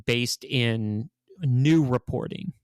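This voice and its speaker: A man's voice: mid-range voice, takes it slowly, clear, resonant tone, no room sound. Man from Louisiana, very dry sound. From Louisiana, United States. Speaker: podcast host and analyst. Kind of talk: conversational analysis.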